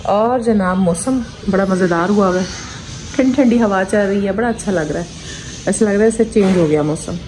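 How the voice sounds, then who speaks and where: Woman from Pakistan, mellow warm voice, casual chore-time vlog chat, faint outdoor noise. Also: mid-range voice, moderate pace, low-quality recording. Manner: relaxed, chatty commentary while doing chores. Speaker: family vlogger. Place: home garage, outdoors after rain.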